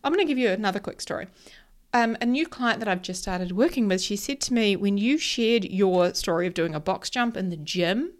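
A woman coach speaks in a broad New Zealand accent at an average pitch. She talks casually and emphatically, as in an informal motivational talk built on personal stories. Her language is loose and sweary, with frequent check-ins to the listener. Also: lively intonation, fairly quick. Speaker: mindset coach and presenter.

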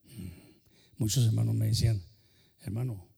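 Older male pastor, impassioned bilingual sermon, gravelly edge, long church reverb. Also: fairly high pitch, moderate pace, darkish tone. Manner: impassioned, switching between Spanish and English.

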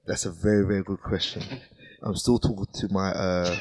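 A man's voice: low-pitched, steady tone, a little fast, creaky, background noise. A man giving casual advice as a podcast panelist.

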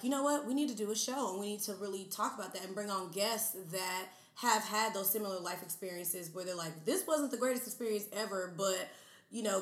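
A woman in her mid-twenties, a podcast guest talking in a chatty, animated way with many fillers. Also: medium pitch. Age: 20s. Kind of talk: casual interview chat. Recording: roomy echo.

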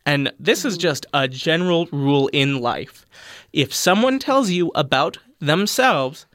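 Heard in studio quality with no echo, this panel guest has a slightly high voice and a somewhat slow delivery. He's a young man with a mild lisp, explaining things with animated, expressive earnestness during a relaxed panel discussion.

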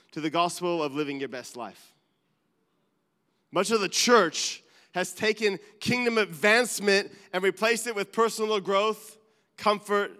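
A male pastor with a high, bright, clear voice preaches earnestly, climbing to emphatic peaks and dropping into asides. His words ring out with a long reverb, as in a large church hall. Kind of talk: sermon.

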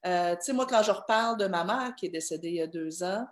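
A woman's voice: fairly low pitch, fast, echoey room. A woman with a Québécois accent, a host giving earnest advice to parents through rhetorical questions. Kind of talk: heartfelt advice talk to parents.

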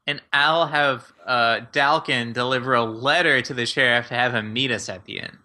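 Bright, forceful man playing a tabletop game. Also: medium pitch, normal speed. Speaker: player. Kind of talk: casual tabletop play.

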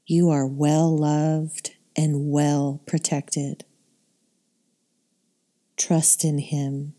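Woman, low mellow voice, unhurried soothing meditation guide. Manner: slow, soothing, calm delivery.

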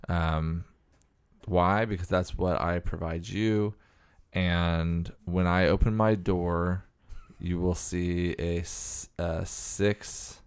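A man's voice: deep voice, fairly even intonation, slow, smooth, no echo. A man in casual, slightly awkward and hesitant banter, as if making a comedy call. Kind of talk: casual banter and phone chat.

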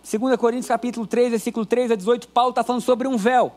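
A man with a strikingly high voice preaches to his church. He repeats his declarations with fervor, drawing key lines out slowly and dashing through his asides. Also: fairly even intonation, a little mellow. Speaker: pastor. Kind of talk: sermon.

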